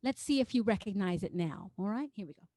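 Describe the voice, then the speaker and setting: A woman's voice: medium pitch, animated, fast talker, warm tone, dry recording, poor audio. A woman teaching rhythm in an online choral workshop, talking with a playful, coaxing energy and counting beats for her group. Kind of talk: interactive online music workshop. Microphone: video call.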